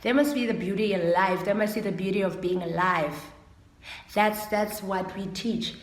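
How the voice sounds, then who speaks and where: Animated woman teacher, fairly high voice, recorded in an echoey room. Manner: animated, acts out children's voices. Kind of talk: talk to parents about holistic teaching.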